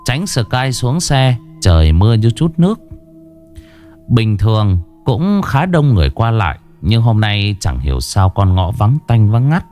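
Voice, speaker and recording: Expressive male storyteller, faint music. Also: lowish voice, a little slow. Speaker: narrator. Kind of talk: horror story narration.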